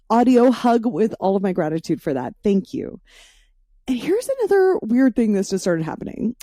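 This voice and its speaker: Here a podcast host, a woman, speaks casually and freely, swearing as she introduces the show solo and chats in an interview. Her warm, medium-pitched voice comes through in studio quality with no room sound.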